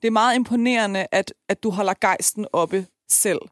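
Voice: medium pitch, fairly bright tone, dry recording, studio quality. A podcast host chatting casually and enthusiastically with a guest. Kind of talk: casual conversation.

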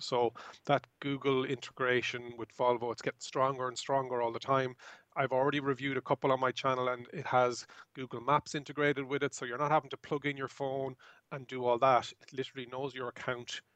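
A man's voice: medium pitch, a bit bright, dry recording. A man talking conversationally as a guest electric car reviewer, explaining tech with enthusiasm and voicing little examples.

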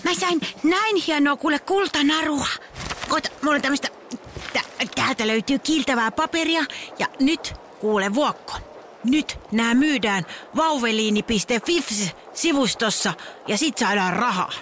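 A woman's voice: sits high, lively intonation, fairly bright tone, slight background noise. A woman voicing a cheeky little baby girl in a children's story, talking in an eager, babyish way. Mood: scheming.

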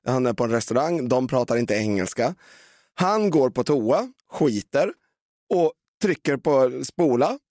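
A man co-hosting a casual podcast, jumping in with quick jokes and telling a short anecdote of his own. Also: mid-range voice, animated, a little mellow, no room sound, studio quality. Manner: quick reactions, joking interjections. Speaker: podcast co-host. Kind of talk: casual chat.

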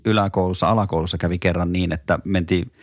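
A man's voice: low voice, steady tone, dry recording. A man co-hosting a casual podcast, a class teacher with a dry, joking manner.

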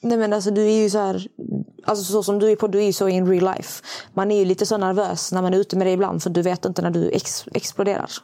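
A woman from Malmö, a guest friend on a podcast, chatting casually and telling stories with animated quoted voices. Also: mid-range voice, hardly any pauses. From Sweden, Malmö. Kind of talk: casual chat.

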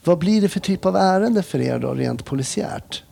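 An interviewer asking calm, brief follow-up questions in a casual conversation. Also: mid-range voice, vocal fry, breathy edge.

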